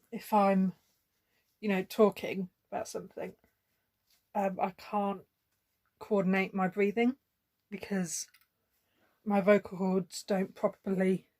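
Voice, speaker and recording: A woman's voice: medium pitch, flat delivery, slow, long pauses, darkish tone. A woman chatting casually while she stitches, rambling and thinking aloud with plenty of fillers and restarts. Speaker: cross-stitch vlogger.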